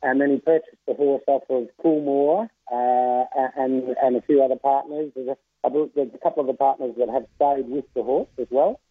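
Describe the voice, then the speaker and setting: A man who trains racehorses, speaking over a phone line in a radio phone interview, halting and full of filler sounds. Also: medium pitch, fairly even intonation, breathy edge, no room sound. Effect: heard over a phone line.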